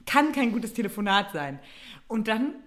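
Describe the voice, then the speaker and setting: A woman's voice: fairly high pitch, big pitch swings, moderate pace, fairly bright tone. Brief: young woman, podcast co-host, chatty storyteller, rambling with filler sounds, casual. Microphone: wearing headphones.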